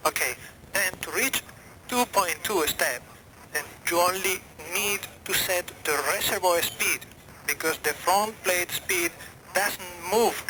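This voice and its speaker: A man giving technical instructions over a radio link in careful, short, deliberate phrases. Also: high-pitched. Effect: radio transmission. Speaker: ground experiment specialist. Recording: faintly noisy mission radio link.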